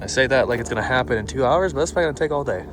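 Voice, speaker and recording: A man's voice: mid-range voice, animated, rapid-fire. A young man casually narrating his truck project on a propped-up phone, rambling and self-deprecating as he works. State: out of breath at times. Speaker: DIY truck vlogger. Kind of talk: casual vlog narration while working. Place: backyard and workshop, indoors and out. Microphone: phone camera propped up nearby.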